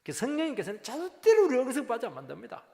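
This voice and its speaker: A middle-aged male pastor preaching a sermon, animated and lively, acting out quoted voices with sudden jumps in pitch and loudness. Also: rapid-fire, creaky. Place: church sanctuary. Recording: long hall reverb.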